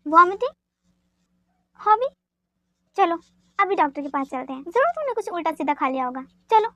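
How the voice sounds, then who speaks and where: A woman voicing an anxious, caring young woman who is quick to anger, with a pleading, emotional manner, in a fan dub drama. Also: very high-pitched, sing-song, a bit bright, dry recording, heavily acted. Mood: insistent.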